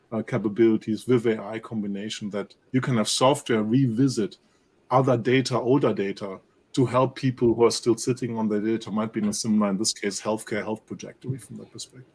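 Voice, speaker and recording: A man with a German accent speaking as an analyst guest in a panel discussion, animated and peppering his points with rhetorical tag questions. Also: fairly low pitch, fairly quick, breathy edge. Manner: animated, rhetorical "right?" tags.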